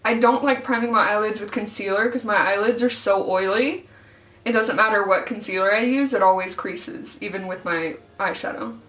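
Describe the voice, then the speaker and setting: An American woman chats informally in a get-ready-with-me vlog, speaking with teeth whitening trays in her mouth. Her pitch is average and her manner is candid and self-deprecating, with some swearing. She is recorded in an echoey room, some distance from the microphone. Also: normal speed, fairly bright tone. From Arkansas, southern United States. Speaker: beauty vlogger.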